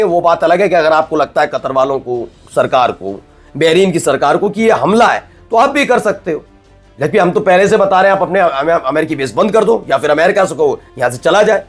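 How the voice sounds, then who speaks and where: A man presenting news commentary in a conversational, animated way, with frequent restarts. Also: a little high.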